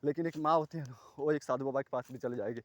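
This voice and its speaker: A man talking to the camera outdoors at night, far from any houses, rambling and earnest, at times loud and a little scared. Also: medium pitch, steady tone, quick pace, dry recording. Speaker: vlogger. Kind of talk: casual talk to camera.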